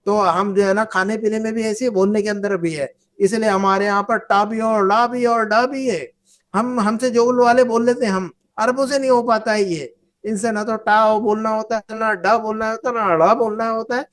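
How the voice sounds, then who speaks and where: A woman whose native language is Urdu teaches an Arabic grammar lesson in a slightly high voice with fairly even intonation. She patiently repeats verb forms, asking the class questions and inviting them to answer.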